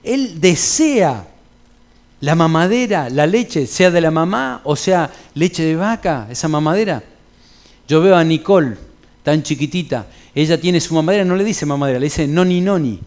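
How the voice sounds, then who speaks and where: A middle-aged Argentine pastor with a Rioplatense accent and a rather high voice for a man, teaching a Bible study in church. He preaches conversationally, slipping in everyday stories and casual local slang. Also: animated, normal speed, darkish tone. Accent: Rioplatense Spanish. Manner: conversational preaching with anecdotes and colloquial asides.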